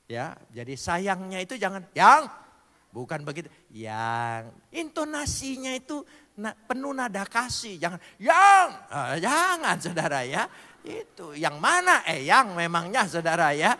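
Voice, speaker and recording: A male pastor preaching a joking sermon, spelling out words letter by letter and swinging between loud declarations and low asides. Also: sing-song, normal speed, long reverb tail.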